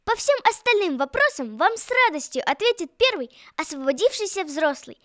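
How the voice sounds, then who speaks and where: A woman reading a scripted automated phone menu in an even, measured way, her voice dropping on the final word of each option. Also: extremely high pitch. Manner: even, measured reading with falling last words.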